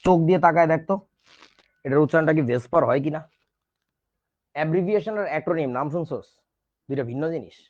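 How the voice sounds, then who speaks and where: A man's voice: fairly high pitch, fast, long pauses, a little mellow, lo-fi sound. A man with a Bangladeshi Bengali accent teaching a casual online chemistry class, chatty and teasing, playfully scolding his students.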